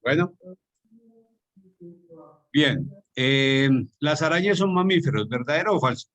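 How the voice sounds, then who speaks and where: A man's voice: on the high side, expressive, measured pace, fairly bright tone. Man teaching an online class. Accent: Colombian Spanish. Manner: explanatory, questions the students. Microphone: video call.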